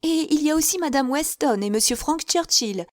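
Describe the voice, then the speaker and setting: A woman doing a gushing, shrill old spinster. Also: expressive, normal speed, dry recording, studio quality. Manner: gushing, breathless run-on chatter. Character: chattering, effusive older spinster.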